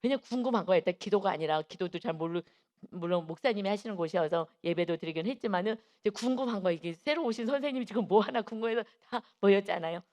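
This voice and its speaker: A woman pastor giving an early-morning sermon, telling a personal story earnestly and swinging from hushed tones to emphatic ones. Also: mid-range voice, lively intonation, fast talker. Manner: earnest storytelling, acting out quoted voices.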